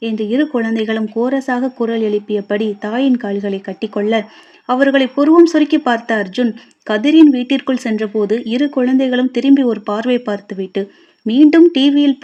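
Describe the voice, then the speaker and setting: A woman reading a scripted audio novel in an even, expressive voice. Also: fairly high pitch. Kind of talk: scripted story narration. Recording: dull lo-fi recording.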